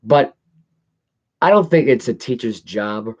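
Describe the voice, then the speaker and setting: A man's voice: mid-range voice, lively intonation, unhurried, darkish tone. A man hosting a podcast, reading and commenting on news casually, stumbling over words with imprecise articulation. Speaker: podcast host. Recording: dull lo-fi audio.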